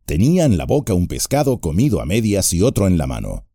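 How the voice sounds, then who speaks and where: A man narrating an audiobook in an expressive, dramatic way. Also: low-pitched, fast, no room sound, clean studio sound.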